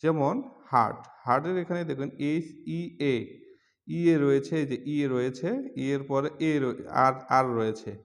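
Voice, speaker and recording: A man with a Bangladeshi accent teaching an English pronunciation lesson, repeating example words slowly. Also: medium pitch. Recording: long hall reverb.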